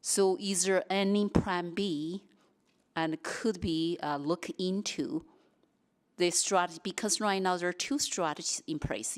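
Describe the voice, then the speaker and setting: Brief: woman, councillor, lowish voice, direct probing questions. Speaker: city councillor. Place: council meeting room.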